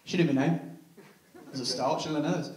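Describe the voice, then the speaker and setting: An English stand-up comedian delivers a bawdy set with punchy timing and a quick "right?" after each beat. His voice sits high for a man. The sound carries the echo of a theatre, with the mic picking him up from a little distance. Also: darkish tone, a little hiss or hum. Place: theatre stage before a laughing audience.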